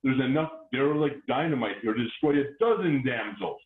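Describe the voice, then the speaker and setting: Man acting a mustache-twirling villain, verbose, theatrical, swooping pitch, tinny line. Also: animated, brisk, natural voice. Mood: gloating. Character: gloating mustache-twirling melodrama villain, vicious and wordy. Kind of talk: hammy stage melodrama acting. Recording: echoey, tinny phone-like online call.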